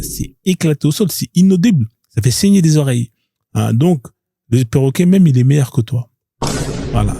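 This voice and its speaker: A man with a very dark, mellow and husky voice hosts a live stream monologue. He talks in a mocking, confrontational way and hammers the same points again and again. The sound is close and dry, with no room echo. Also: fairly low pitch.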